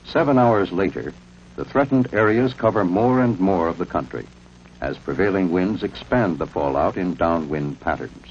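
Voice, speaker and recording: Male American narrator for 1950s instructional film, low voice, strongly varied intonation, authoritative, on muffled old soundtrack. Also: expressive, normal speed, slight background noise. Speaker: documentary narrator. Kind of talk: 1950s civil defense film narration, scripted.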